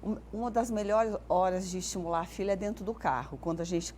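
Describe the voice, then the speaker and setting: A woman's voice: medium pitch, fast talker, darkish tone, slight background noise. A Brazilian speech therapist, a woman, guesting on a TV morning show and explaining child speech development, animatedly acting out sounds. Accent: Brazilian Portuguese.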